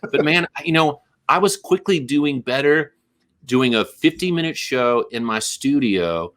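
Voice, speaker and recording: A middle-aged man, a musician guest in a casual interview, talking in a rambling, animated, jokey way. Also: medium pitch, measured pace.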